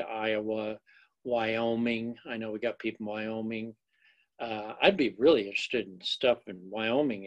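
Rambling, folksy male instructor. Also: medium pitch. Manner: rambling, folksy, self-deprecating, with many fillers. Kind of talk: recorded course lecture.

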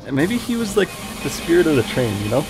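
A man co-hosting a casual let's play at a desk microphone, calmly explaining the game and swearing offhandedly. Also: on the high side, fast, vocal fry. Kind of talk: casual gameplay commentary. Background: game music.

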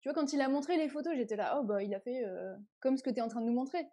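A woman's voice: high voice, fast talker, mellow. A woman co-hosting a live stream, chatty and enthusiastic in a slangy, casual way. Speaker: co-host.

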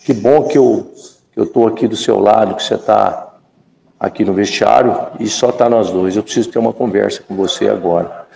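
Brazilian man in his fifties, former player as guest, animated storyteller, gravelly mellow voice, echoey room with long reverb. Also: lowish voice, normal speed. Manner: animated storyteller who acts out quoted dialogue. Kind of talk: storytelling in a live chat.

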